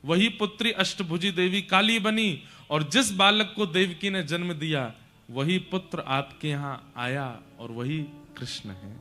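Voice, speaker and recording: A man's voice: on the high side, measured pace, bright, forceful tone. A man voicing a solemn, hesitant male royal messenger who delivers grave news reluctantly.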